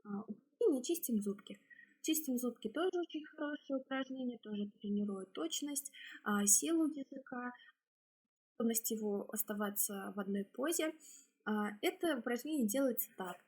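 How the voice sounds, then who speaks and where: Woman, instructor, fairly high pitch, husky edge, halting step-by-step explanation. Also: lively intonation, a little mellow. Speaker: speech therapist teaching articulation exercises.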